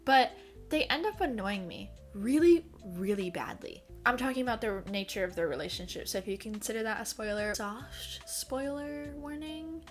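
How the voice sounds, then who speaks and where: A young woman reviewing books in a casual vlog, expressive and dramatic, swinging between gushing and mock outrage. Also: medium pitch, brisk, faint music behind. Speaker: book vlogger. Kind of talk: casual book review monologue.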